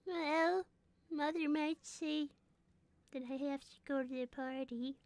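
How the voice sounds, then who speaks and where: A woman's voice: high voice, steady tone, a little slow, darkish tone, no room sound. A woman voicing a young, polite, anxious rabbit girl with a prim, earnest manner in a live cartoon roleplay. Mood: reluctant.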